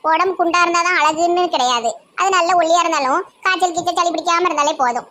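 A woman's voice: very high-pitched, quick pace, fairly bright tone, a little hiss or hum. A woman with a Tirunelveli Tamil accent acting in a slang comedy skit, talking in a scolding, gossipy village way. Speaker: comedy sketch performer.

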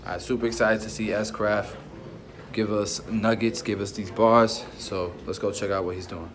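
A man hosting a barbershop vlog, excitable and joking, laughing often with his crew. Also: lowish voice, moderate pace, heavy background noise. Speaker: barber vlogger hosting a training event. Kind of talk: casual vlog chat. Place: barbershop, indoors. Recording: loud music playing behind.

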